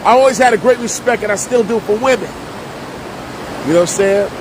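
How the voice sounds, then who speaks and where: A fairly quick-talking man from Jersey City, New Jersey, a vlogger and preacher, tells stories in a casual monologue over a loud rumbling noise. He uses streetwise slang and repeats himself for emphasis.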